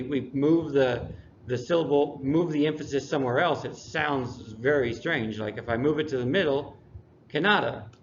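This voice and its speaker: A male English teacher walks through a lesson review in an easy, unhurried way, slipping in dry humor. His voice sits at a middle pitch. The recording is dull and lo-fi, with a faint hiss behind it. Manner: relaxed, dry classroom humor.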